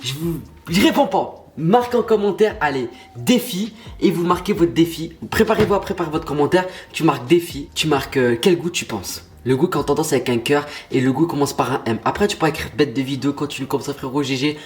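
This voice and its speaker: A young YouTuber with a stuffy nose from a cold chats to his viewers in a vlog. His slightly high voice runs a little fast with hardly any pauses, and he's slangy, pumped-up and talks directly to the audience.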